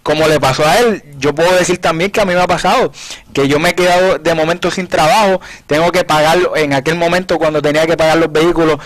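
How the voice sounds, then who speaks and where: A man with a fairly high voice teaching from the Bible in an earnest, conversational way. He retells scripture scenes as quoted dialogue and restarts his phrases often as he works through a point, heard on a radio Bible program. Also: steady tone, fast talker, poor audio. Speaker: preacher on a Bible study program.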